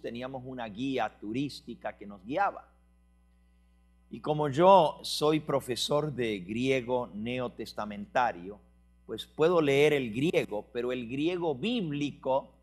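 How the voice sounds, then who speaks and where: A man preaching a sermon, explaining word meanings slowly and telling a story with acted dialogue. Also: mid-range voice.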